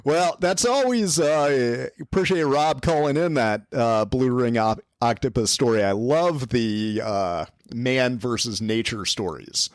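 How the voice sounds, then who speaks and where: A man's voice: medium pitch, animated, unhurried, few pauses, dry recording, clean studio sound. A man hosting a call-in story show, chatting casually in a rambling way. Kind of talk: casual co-host chat.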